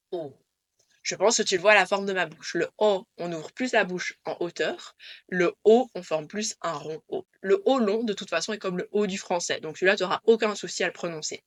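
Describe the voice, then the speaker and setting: A woman teaching Dutch pronunciation to camera, patiently repeating the rules in a clear way. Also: medium pitch, fairly bright tone, dry recording.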